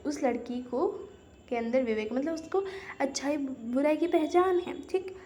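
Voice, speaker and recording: Woman, teacher, high voice, reads word lists, explains with examples, slow careful delivery. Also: lively intonation, a little mellow, soft background music. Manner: explains each word, then gives everyday example sentences. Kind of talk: Hindi grammar lesson, reading word lists.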